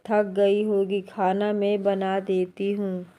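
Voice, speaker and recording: Woman voicing a gentle elderly mother. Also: medium pitch, little pitch movement, slow pace, lightly acted. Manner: soothing and tender.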